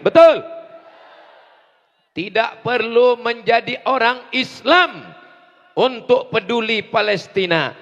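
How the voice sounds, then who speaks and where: Gravelly high-voiced preacher shouting outdoors. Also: male voice. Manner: slow emphatic delivery, rising to shouts, repeats for the crowd. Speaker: preacher at a rally. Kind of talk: fiery rally sermon with call and response. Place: large outdoor rally. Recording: distant echo over crowd loudspeakers.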